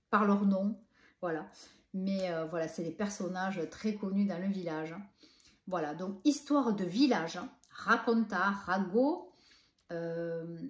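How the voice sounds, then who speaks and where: A woman's voice: fairly low pitch, reverberant. A woman from southern France with a southern French accent, chatting enthusiastically about books she has read, with many hesitations. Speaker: book vlogger. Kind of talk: casual book review.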